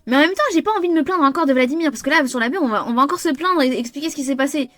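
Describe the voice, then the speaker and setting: Young woman streamer voicing a visual novel; excitable, cursing, slightly high, dry close sound. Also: very fast, no room sound. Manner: excitable, swears, restarts lines. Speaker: gamer. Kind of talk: playing a visual novel aloud.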